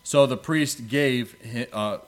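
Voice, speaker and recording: A man leading prayer and reading scripture from a pulpit microphone in a church, in a solemn, measured way with archaic biblical wording. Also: medium pitch. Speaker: preacher.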